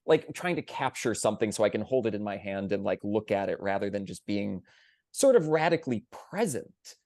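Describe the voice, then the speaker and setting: On a theater panel, a man speaks conversationally, earnest and emphatic, circling around how to phrase things. His lowish voice is sing-song, fairly quick and darkish, captured in clean studio sound with no room noise.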